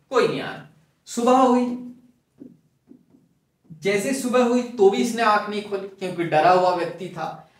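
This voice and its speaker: A man's voice: high voice, reverberant, far from the mic. A man teaching a training session in casual spoken style, telling a story and drawing on slides as he goes, repeating phrases for emphasis. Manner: animated, drawing on slides while talking. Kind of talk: storytelling lesson.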